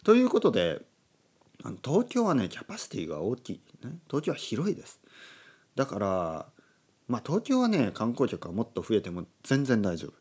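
A man from Oita, Japan, hosting a relaxed solo talk for learners, explaining slowly and glossing words in English. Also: medium pitch, breathy edge. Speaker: podcast host. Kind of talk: casual monologue for Japanese learners. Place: indoors at a table.

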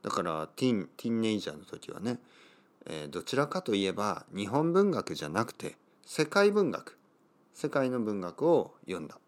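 A middle-aged Japanese language teacher from Kyushu, with a lowish, sing-song voice, explains a reading for Japanese learners. He reads the text aloud slowly, then rephrases each part in simpler words. When he hits hard place names, he stops and wonders aloud how to read them.

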